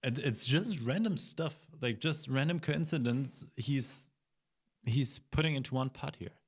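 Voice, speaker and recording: A man giving unscripted reaction commentary, halting and dismissive as he picks apart claims. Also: mid-range voice.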